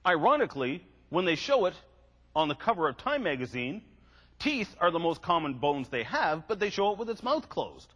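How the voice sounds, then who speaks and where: A man's voice: on the high side, very animated, normal speed, fairly bright tone, dull audio. Wry older man lecturing in an echoey hall. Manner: wry, sarcastic asides. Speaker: creationist seminar speaker. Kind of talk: lecture to a live audience. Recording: echoey hall, faint music.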